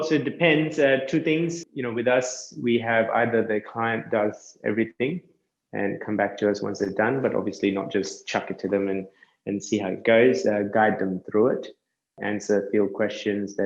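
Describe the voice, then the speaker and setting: A man who works as a land surveyor, chatting casually and explaining things step by step with quick self-corrections. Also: fairly low pitch, steady tone, roomy sound, highs cut off. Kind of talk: casual podcast chat.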